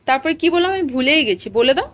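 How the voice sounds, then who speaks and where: A woman's voice: sits high, lively intonation, fast, a bit bright, slight background noise. A woman in her thirties, a mother, chatting casually to camera at home, cooking and talking about her family in an easy, doting way. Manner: chatty, doting baby talk with her child. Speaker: vlogger and mother. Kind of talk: casual home vlog narration. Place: home kitchen.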